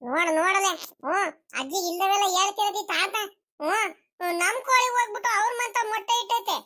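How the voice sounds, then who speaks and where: A woman's voice: very high voice, fairly quick, pushed and bright. A woman voicing a cheeky, easily hurt young grandson in a cartoon comedy, whining and complaining. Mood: sulky. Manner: whiny, sulky complaining.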